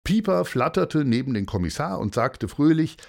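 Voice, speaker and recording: A man reading a children's story aloud in an expressive storytelling manner. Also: a little high, moderate pace, vocal fry. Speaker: narrator.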